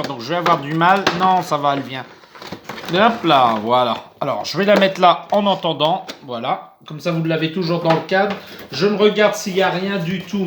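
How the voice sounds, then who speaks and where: A man with a fairly high voice chats his way through an unboxing video. He talks casually and hesitates often, with plenty of fillers and small restarts as he goes. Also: fairly bright tone, a little hiss or hum. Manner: chatty, hesitant, many fillers. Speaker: unboxing channel host. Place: indoors under artificial light.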